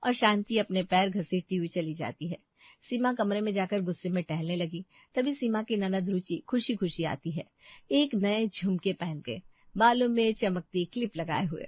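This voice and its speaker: A woman narrating a cartoon story in a dramatic, expressive way. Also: medium pitch, moderate pace, no room sound. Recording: dull lo-fi voice track.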